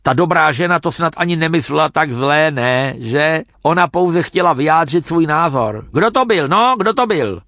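Vain old chief guy man putting it on, kinda high, sentimental, blows up fast. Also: expressive, no room sound, studio quality. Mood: wheedling. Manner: sentimental, flares into shouting.

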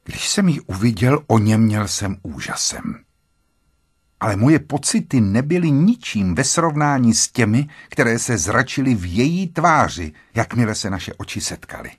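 A man narrating a literary story in the first person, his delivery lively and full of rising and falling pitch. His voice has a slightly husky grain, recorded dry and close. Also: dry recording. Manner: lively, dramatic reading. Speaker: audiobook narrator.

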